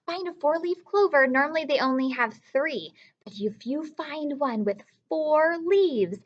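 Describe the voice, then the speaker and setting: A woman reads aloud to young children at a measured pace, her high voice highly expressive. She keeps explanations simple, asks questions to check in, and draws out key words like a storyteller. The recording sounds slightly dull and lo-fi.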